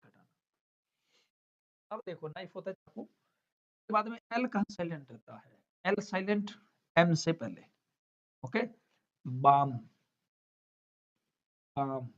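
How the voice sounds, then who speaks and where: A man's voice: sits high, lively intonation, unhurried, pauses often, a bit bright. A male teacher explaining English silent letters in a classroom lesson. He asks questions and answers them himself, step by step. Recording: dull lo-fi sound.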